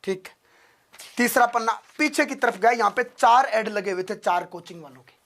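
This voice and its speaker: A young Indian teacher with a high-pitched voice gives his students an impassioned motivational talk at a moderate pace. His voice rises into loud, emotional pleading.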